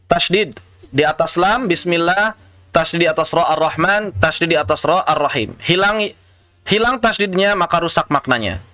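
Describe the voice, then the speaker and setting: A man with an Indonesian accent teaching Quran recitation rules, slowly demonstrating right and wrong pronunciations with lively teacherly emphasis. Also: on the high side, dry recording. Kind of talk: tajwid lesson with recited examples.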